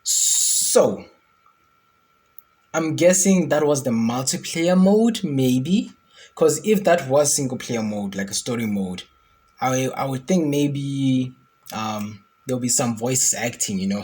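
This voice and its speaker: Reacting to a game trailer, a YouTuber chats and speculates in a rambling, casual way. He speaks slowly with lively intonation, his medium-pitched voice darkish and slightly rough.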